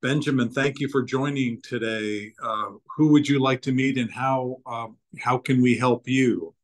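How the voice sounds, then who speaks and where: A man hosting an online networking meeting, introducing members in a friendly, halting way over a video call. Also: medium pitch, fairly even intonation, poor audio.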